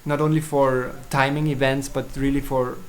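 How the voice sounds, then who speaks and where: Speaking English as a second language, this German-speaking man from Switzerland casually presents his astrology services alone on video. His voice is mid-range with little pitch movement, and he stumbles frequently with fillers and restarts.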